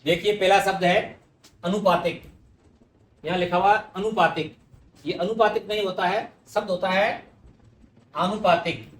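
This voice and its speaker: A man's voice: sits high, steady tone, moderate pace. A man teaching a Hindi spelling lesson for exam students, explaining each word and speaking to the students directly. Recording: echoey room, mic at a distance.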